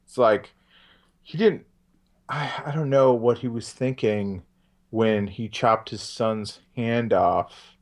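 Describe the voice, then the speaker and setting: A man co-hosting a casual film chat, jokey and animated, laughing often. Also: mid-range voice, slow. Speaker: podcast co-host.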